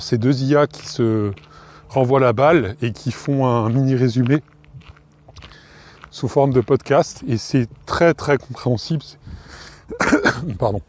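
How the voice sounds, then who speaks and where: A French-speaking podcast host with a cold, coughing as he goes, talks casually and informally to his listener with lots of fillers and restarts. His voice is medium-pitched and darkish, with slight background noise.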